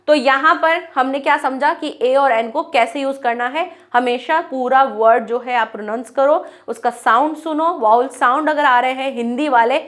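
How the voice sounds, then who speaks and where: A woman teaching an English grammar lesson, explaining step by step and sounding out words slowly. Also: sits high.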